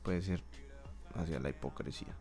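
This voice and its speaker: Crude joking podcast host, low-voiced. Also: male voice, moderate pace, darkish tone, faint music behind. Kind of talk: casual chat.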